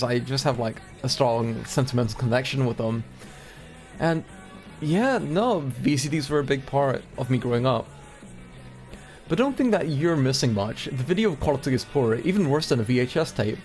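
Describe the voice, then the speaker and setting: Male streamer from Singapore, middle pitch, reads aloud casually with asides over faint music. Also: darkish tone. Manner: casual, chatty asides between readings. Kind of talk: reading a magazine aloud on stream.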